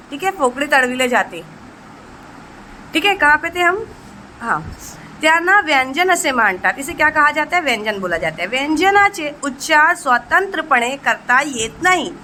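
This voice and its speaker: A rough recording with a bit of hiss or hum captures a woman teaching an exam-prep class in a high, bright, forceful voice. She raises rhetorical questions and answers them herself, sprinkles in Marathi terms, and fondly refers to her students as children.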